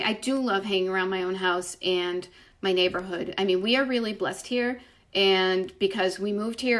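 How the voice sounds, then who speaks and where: Speaking in a medium-pitched, slightly bright voice, a woman with a faint Boston accent hosts a livestream indoors at home. As a retro travel writer, she casually answers viewer comments, rambling effusively and interrupting herself with emphatic asides.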